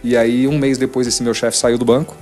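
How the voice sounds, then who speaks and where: A man in his forties with a São Paulo Brazilian accent guests on a podcast, telling a personal story and casually acting out remembered conversations with quoted dialogue. His voice is mid-range and fairly quick, with faint music behind him.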